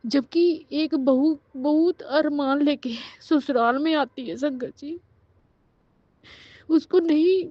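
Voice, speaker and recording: Middle-aged woman, higher voice, pleading halting testimony, dry dull lo-fi sound. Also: fairly even intonation, no room sound. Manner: pleading, halting, with frequent restarts. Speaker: devotee sharing a testimony. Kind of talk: emotional spoken testimony and prayer.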